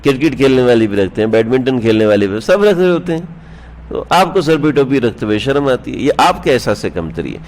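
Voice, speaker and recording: A male religious scholar giving a sermon, telling stories with rhetorical questions to his listeners and chuckling now and then. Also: mid-range voice. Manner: chuckles while telling anecdotes. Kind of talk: Urdu sermon on the Prophet's life. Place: standing on a prayer mat, indoors.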